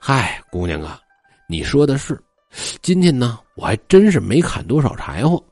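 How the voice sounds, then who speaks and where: A man playing a timid, courteous young scholar who cuts firewood, in a husky voice. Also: mid-range voice, big pitch swings, normal speed, darkish tone, no echo, faint music behind. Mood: nervous. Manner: nervous, bookish, courteous. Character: timid polite young male scholar woodcutter.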